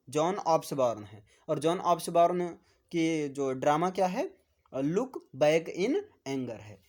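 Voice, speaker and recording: A man's voice: on the high side, darkish tone. A man with a Hindi accent giving a classroom lecture, repeatedly asking "है ना?" and spelling words out for his students. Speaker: teacher.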